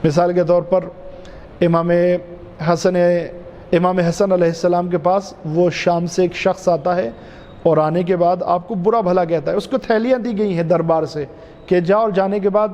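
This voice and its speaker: A man, a cleric giving a majlis sermon, repeating key phrases in a drawn-out, emphatic way and calling his listeners dear ones. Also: high-pitched, steady tone, darkish tone, dull audio. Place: mosque. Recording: reverberant mosque hall, faint ambience.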